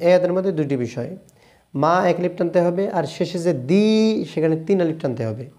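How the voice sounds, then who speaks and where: A man with a Bangladeshi Bengali accent teaching correct Quran pronunciation, switching between brisk explanations and slow, drawn-out chanted recitation. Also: a little high, dark tone. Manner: alternates quick explanations with slow drawn-out chanted Arabic phrases.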